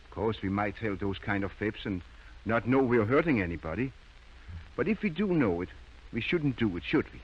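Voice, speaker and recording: Firm but kindly country doctor, old radio play, swingy intonation, dull lo-fi vintage sound. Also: male voice, lowish voice, expressive, moderate pace, slightly rough. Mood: patient, probing. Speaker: radio actor. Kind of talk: old-time radio drama acting.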